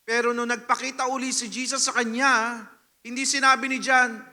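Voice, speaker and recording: A Filipino man preaching a sermon as pastor, telling a personal testimony with animated storytelling and frequent "no?" tag questions, swinging between loud and hushed. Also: extremely high pitch, moderate pace. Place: church hall. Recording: long reverb of a church hall.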